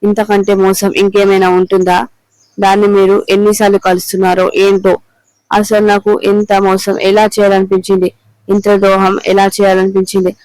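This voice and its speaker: A man reading the lines of an angry middle-aged wife who accuses her husband of betrayal, in an even, clear voice. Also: mid-range voice, normal speed, no echo, close to an everyday voice, poor audio. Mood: accusing. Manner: accusing, bitter.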